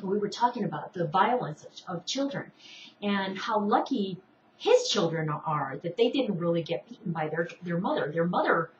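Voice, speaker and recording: A woman's voice: fairly low pitch, animated, normal speed, a little hiss or hum. A middle-aged woman from Indiana hosts an online show and wanders through personal stories, restarting and circling back often. She sits well back from the mic in an echoey room, and the sound is dull and muffled. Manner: rambling, many restarts and asides. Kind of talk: casual personal storytelling. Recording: distant, roomy, dull home recording.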